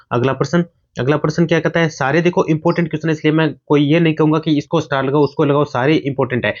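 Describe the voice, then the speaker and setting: A man's voice: on the high side, muffled recording. A man teaching an online exam-prep class, drilling through quiz questions at speed and answering his own questions.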